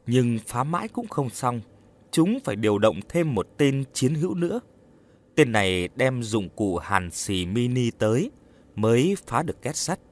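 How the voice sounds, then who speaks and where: A man narrating a scripted horror story in a measured, dramatic way. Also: medium pitch.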